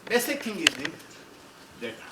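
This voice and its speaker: A very animated man with a voice on the high side speaks at a moderate pace, giving a rambling university lecture as a guest and restarting his phrases. The lecture-hall recording sounds roomy, with a distant mic and audible background noise.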